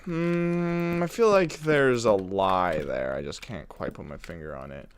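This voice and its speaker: Congested and runny-nosed, a man keeps up casual live-stream chatter as he builds in a game, rambling playfully with lots of chuckles. His lowish voice is clear and resonant at a measured pace, recorded dry.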